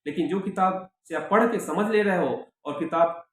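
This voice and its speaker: A man's voice: high-pitched, moderate pace. A middle-aged man, a sociology professor, giving students direct, repetitive advice in a lecture. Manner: direct, repeats points with emphatic reminders. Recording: very echoey room with faint background noise.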